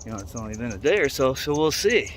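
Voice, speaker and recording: A man's voice: mid-range voice, sing-song, quick pace, a bit bright. A man talking casually while out walking, in a rambling, plain-spoken, conversational way as a dog trainer making a vlog. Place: outdoors, walking in a neighborhood. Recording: outdoor ambient street noise.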